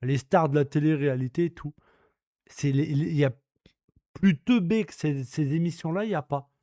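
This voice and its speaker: A man's voice: on the high side, normal speed, mellow, no echo, clean studio sound. A man around thirty from France, hosting a casual talk stream and ranting indignantly in crude slang with lots of repetition. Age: about 30.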